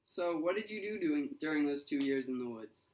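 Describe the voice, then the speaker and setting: Young man, mock interviewer, higher-pitched voice, hesitant questions, amateur skit. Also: lively intonation, fairly quick, a little mellow, low-quality recording. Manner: asks questions with hesitant uhs and restarts.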